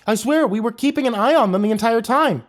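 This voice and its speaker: A man's voice: very high voice, quick pace, pitched above the performer's own voice. A man voicing a frightened, flustered female camp counselor, exclaiming in alarm in a horror story. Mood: panicked.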